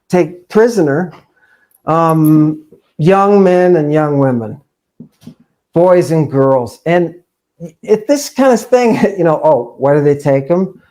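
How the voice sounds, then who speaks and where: A man lectures in a loose, conversational way, working line by line through a text on screen. He talks at an unhurried pace, often circles back to repeat himself, and keeps asking "right?" of his listeners. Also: fairly high pitch, a little mellow. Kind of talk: informal lecture reading from a text.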